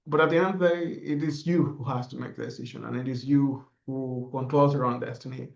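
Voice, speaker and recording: A young Dominican man answers interview questions as a podcast guest, reflective, earnest and full of fillers. His middle-pitched voice is creaky and fairly even, his pace brisk, and the remote-sounding recording feels roomy and a little dull.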